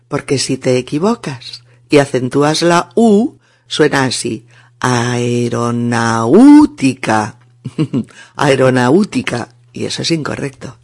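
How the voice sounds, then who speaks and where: A man with a Spain Spanish accent teaching a language lesson, explaining colloquial words deliberately and breaking them into syllables for students to repeat. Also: fairly high pitch.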